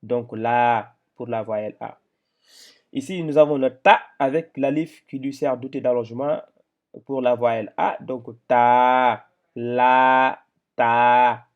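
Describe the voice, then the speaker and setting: Slow, patient male reading teacher. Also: medium pitch, muffled recording. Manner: patient, repeats syllables aloud slowly with many hesitations. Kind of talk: slow step-by-step lesson.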